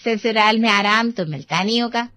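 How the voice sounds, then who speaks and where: A woman's voice: on the high side, moderate pace, sharp tone, dry recording, clean studio sound. A woman voicing a middle-aged mother who fondly scolds her grown daughter in a storybook tale. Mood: fussing. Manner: fussing, scolding. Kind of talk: storybook voice acting.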